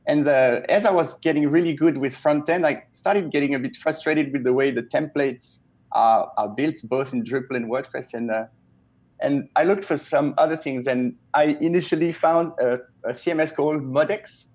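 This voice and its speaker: A man in his thirties from Switzerland, a web developer, talking in a relaxed, chatty and enthusiastic way as a guest on a video call from a small home office, speaking into an earphone headset. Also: a little high, moderate pace. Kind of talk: casual video-call interview.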